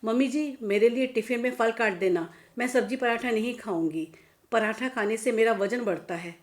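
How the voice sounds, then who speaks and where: A woman voicing a demanding young working daughter-in-law who fires off quick requests, in a storybook reading. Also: fairly high pitch, natural voice.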